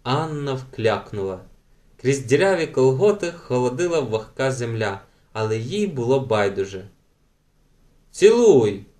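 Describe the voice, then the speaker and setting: A man reading a children's audiobook aloud with gentle, animated storytelling. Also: medium pitch, normal speed. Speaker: audiobook narrator.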